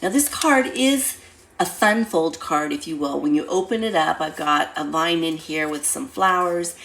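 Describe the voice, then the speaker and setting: A woman's voice: low voice, moderate pace, vocal fry, fairly bright tone. A woman with a nasal, congested voice from a head cold, casually talking through a craft demonstration as the instructor. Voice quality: nasal, congested, stuffed-nose sound. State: blocked nose from a head cold.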